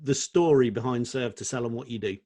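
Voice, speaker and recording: A man's voice: medium pitch, brisk, dark tone. A man hosting a podcast, introducing and bantering with his guest in an enthusiastic, friendly way. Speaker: podcast host. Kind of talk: casual podcast interview.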